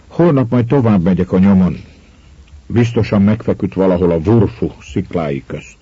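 An easygoing young country squire who talks in a relaxed, offhand way, voiced by a male narrator. The voice is deep, dark and very husky. The recording is dull and lo-fi. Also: dry recording.

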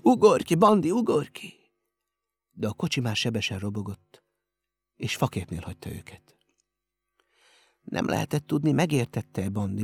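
A man narrating an audiobook in a steady storytelling manner. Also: on the low side, slightly rough, no room sound, clean studio sound. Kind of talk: scripted narration.

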